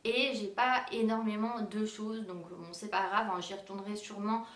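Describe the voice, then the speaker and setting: A woman's voice: medium pitch, fairly even intonation, moderate pace, fairly bright tone. Hesitant woman vlogger, roomy sound. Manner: hesitant, many fillers. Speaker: beauty and decor vlogger. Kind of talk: casual haul video. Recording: roomy echo, distant mic.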